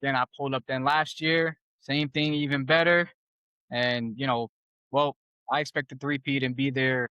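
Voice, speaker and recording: A man's voice: mid-range voice, little pitch movement, normal speed, pushed and bright, clean tone, no echo, lo-fi sound. Laid-back slangy male podcast host. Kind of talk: casual interview conversation.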